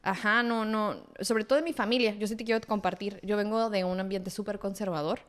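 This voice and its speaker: A woman's voice: mid-range voice, fairly even intonation, fairly quick. A young adult woman hosting an interview, talking in a chatty, rambling way with frequent restarts. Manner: chatty, lots of fillers and restarts, warm agreement. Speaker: psychologist host. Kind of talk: casual interview chat.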